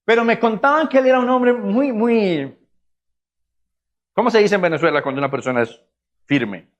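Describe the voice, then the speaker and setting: A man preaching a sermon as pastor, emphatic and lively, often mimicking people's excuses. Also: high-pitched, moderate pace. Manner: emphatic, acts out congregants' excuses in funny voices. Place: church sanctuary.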